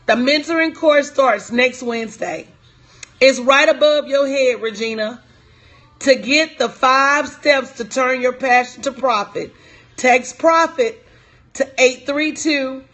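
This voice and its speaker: A woman's voice: high voice, fairly bright tone. A woman in her forties, a business coach, talking casually and emphatically on a live stream while answering viewers' comments. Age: 40s. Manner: emphatic, repetitive, casual and direct.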